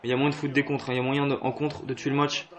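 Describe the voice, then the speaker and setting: A young man with a French accent commentating his own football game casually, with slangy banter and bursts of shouting at big plays. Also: mid-range voice, level tone, rapid-fire. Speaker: gaming youtuber. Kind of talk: let's play commentary.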